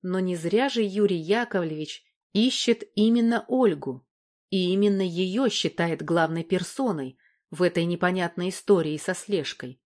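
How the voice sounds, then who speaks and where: A woman with a lower voice narrates an audiobook, telling the scripted story in an even, measured way.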